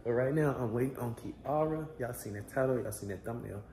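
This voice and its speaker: A man's voice: medium pitch, fairly quick, darkish tone, slight background noise. Laid-back young man, slangy vlog chat. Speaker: vlogger. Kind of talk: casual vlog talk. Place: at home indoors. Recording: echoey room.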